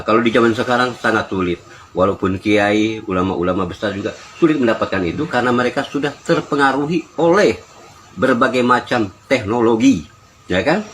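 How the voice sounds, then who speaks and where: An older man giving an informal religious discourse in an emphatic, aphoristic, teacherly way. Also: mid-range voice. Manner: emphatic, aphoristic, didactic delivery. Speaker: spiritual teacher answering questions. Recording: noisy ambient background.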